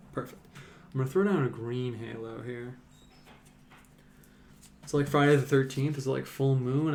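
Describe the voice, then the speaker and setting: Laid-back man with a gravelly voice. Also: mid-range voice. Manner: rambling, relaxed, many "like"s and fillers. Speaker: artist streaming a live painting show. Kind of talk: casual live-stream chat while painting.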